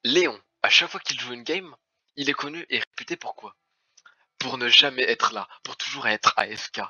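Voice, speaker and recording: On a dry, dull lo-fi voice chat, a man playing a werewolf-style social deduction game delivers a theatrical, formal accusation speech, stumbling and restarting as he goes. His voice is medium-pitched, pushed and bright, at normal speed, with no room sound.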